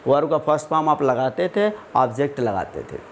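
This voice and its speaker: A man's voice: a little high, animated, brisk, slight background noise. A man teaching an English grammar lesson, asking and answering his own questions and drawing out the example words. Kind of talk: classroom-style grammar lesson.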